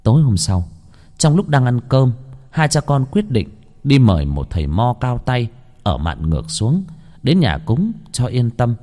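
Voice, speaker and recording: A man narrating a horror story in a dramatic, expressive way. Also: medium pitch, a little slow.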